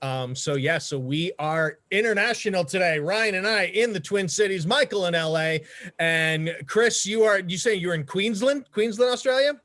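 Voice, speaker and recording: A man's voice: high voice, moderate pace, fairly bright tone. A man co-hosting a podcast in casual chat, jokey and full of fillers and restarts. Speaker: podcast co-host.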